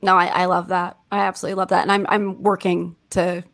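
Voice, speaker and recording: A woman's voice: lowish voice, level tone, fast talker, vocal fry, a bit bright, dry recording. A woman podcast host in casual interview talk, chatty and full of fillers like "like". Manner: chatty, filler-heavy, uses "like" often.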